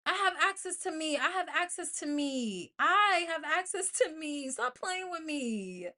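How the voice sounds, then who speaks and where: An American woman hosts a motivational podcast alone, talking informally, colloquially and emphatically and repeating phrases to drive them home. Her voice sits high, with lively intonation, a measured pace and a sharp tone.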